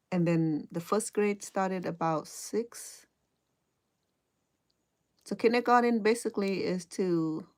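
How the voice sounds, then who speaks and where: A middle-aged woman from Cambodia with a Cambodian accent, hesitantly chatting with viewers while teaching crochet and often repeating her words. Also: lowish voice. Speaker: crochet instructor. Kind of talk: casual live-stream chat while crocheting.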